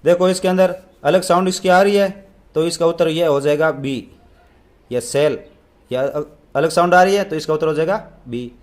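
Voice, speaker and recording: A young man teaching an English exam paper, asking questions and answering them himself, reading the English lines out slowly. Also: a little high. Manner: asks and answers own questions.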